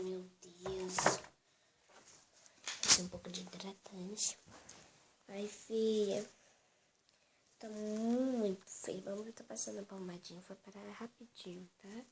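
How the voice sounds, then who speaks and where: A woman doing a doll role-play vlog as a mother, speaking softly and often in a whisper. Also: mid-range voice, fairly even intonation, takes it slowly, pauses often, heavy background noise. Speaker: vlogger.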